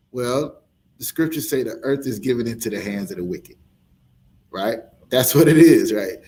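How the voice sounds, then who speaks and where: A man's voice: mid-range voice, darkish tone. Emphatic street preacher man. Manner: emphatic, rhetorical questions, laughing asides. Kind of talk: street teaching.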